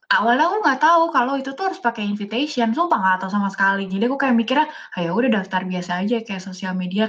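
A woman's voice: mid-range voice, a bit bright, dull audio. An Indonesian woman, a podcast guest, telling her story in a casual, rambling way, full of filler words. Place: living in Germany.

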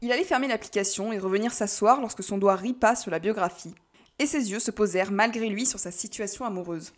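A woman reads a novel aloud in a calm, measured way. Her narration is steady and quiet, and she takes the story at an even, unhurried pace. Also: mid-range voice. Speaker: audiobook narrator. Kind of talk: scripted narration.

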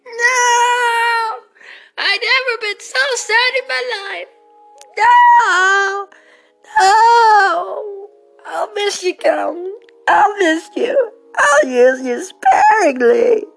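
A woman's voice: very high voice, very animated, drawn-out words, sharp tone, faint music behind, pitched above the performer's own voice, full character voice, rough recording. A woman voicing a dramatic, gum-obsessed girl who wails and sobs in a homemade comedy skit. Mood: wailing. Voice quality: wailing sobs, over-the-top despair.

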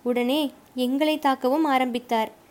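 A woman's voice: sits high, steady tone, a little slow, a little mellow. Storybook: woman reads servile male guard, defensive and pleading. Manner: submissive, pleading to his master. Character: deferential male palace guard, defensive servant.

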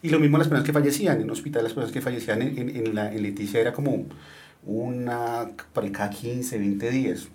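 A doctor from Colombia answering interview questions, explaining plainly and steadily with frequent fillers. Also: male voice, medium pitch, fast talker, darkish tone.

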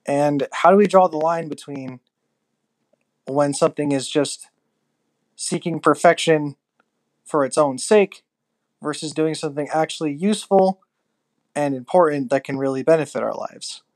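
A man's voice: on the high side, moderate pace, pauses often, no room sound. A man leaving a casual recorded voice message for a podcast, asking a listener question in a friendly, thoughtful way. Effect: recorded voice message played on the show.

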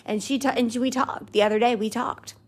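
Her voice is a little high, steady, and darkish with a breathy edge, and she talks a little fast. She's a podcast host in her twenties reflecting on gratitude and faith in an earnest, confessional monologue. When she voices her doubts, she slips into a mocking lilt.

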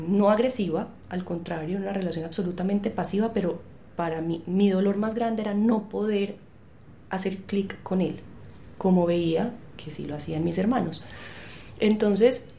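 A woman's voice: on the low side, vocal fry, mellow, slight background noise. A woman, telling her story as an interview guest and acting out the dialogue she recalls. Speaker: medium, podcast guest.

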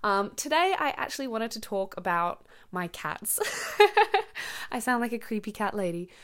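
A woman's voice: mid-range voice, expressive, normal speed, a bit bright. A young woman hosting a casual podcast, rambling with many ums and stopping to explain words simply. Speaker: podcast host. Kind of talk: casual chatty monologue.

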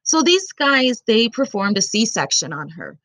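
A woman's voice: on the high side, big pitch swings, a little slow, fairly bright tone, dry recording. A young woman doing casual opinion commentary, blunt and profane, rambling with lots of fillers.

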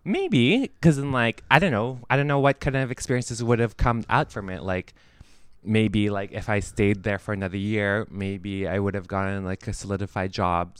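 Low, smooth-voiced young man chatting. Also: no room sound. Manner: rambling, many fillers and restarts. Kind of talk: casual chat. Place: apartment.

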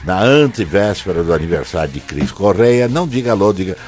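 A man's voice: low-pitched, fairly quick, faint music behind. A man co-hosting a morning radio show, telling teasing, comic stories to his colleagues. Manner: teasing, storytelling, animated. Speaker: radio co-host.

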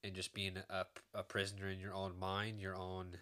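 A man hosting a podcast in a casual, reflective chat, speaking in a halting, introspective way. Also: deep voice, monotone, sharp tone. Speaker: podcast host.

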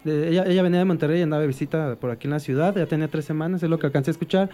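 A man on a podcast, telling rambling stories that make fun of himself. His voice is high and mellow, with a dark tone. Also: racing. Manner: rambling, self-mocking. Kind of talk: casual podcast storytelling.

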